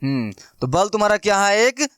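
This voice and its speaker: A man's voice: high-pitched, sing-song, normal speed, fairly bright tone, smooth, dry recording, studio quality. A young man teaching math in a casual classroom style, chatty and playful, who keeps asking questions and answering them himself. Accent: Bihari Hindi. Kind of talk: casual classroom lesson explaining with everyday examples.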